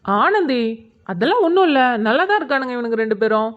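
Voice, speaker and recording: A woman's voice: high voice, sing-song, fast, slight background noise. A woman voicing a sly, joking young man, the friend, in a cartoon. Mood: teasing. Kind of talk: cartoon voice acting. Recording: dull lo-fi sound.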